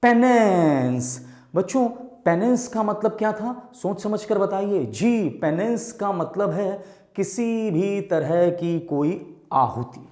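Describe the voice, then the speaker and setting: Male vocab teacher, high voice, slow deliberate delivery, roomy echo. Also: animated, a little mellow. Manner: addresses students as children, asks questions and answers them himself; spells out and repeats words slowly. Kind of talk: vocabulary lesson for exam students.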